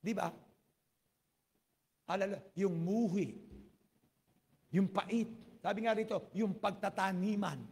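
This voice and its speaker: A man's voice: high-pitched, slow, gravelly, long pauses, darkish tone, husky. A man with a Filipino accent preaching a sermon as pastor, scattering hallelujah and amen through every phrase and mixing English into his Filipino. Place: church.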